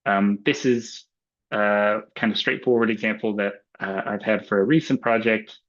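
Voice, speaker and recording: An Australian man presenting a webinar in a casual, relaxed way, with frequent ums and uhs. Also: on the low side, normal speed. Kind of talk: relaxed webinar talk with slides. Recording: dull lo-fi webinar audio.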